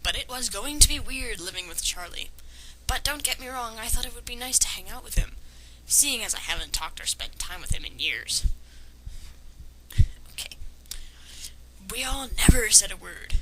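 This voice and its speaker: A woman with an expressive, fairly bright, higher-pitched voice reads a story aloud at normal speed, acting as an amateur fan fiction commentator. Her interruptions are casual, sarcastic, and nitpicking, delivered with some hesitation. Clear noise marks this amateur home recording.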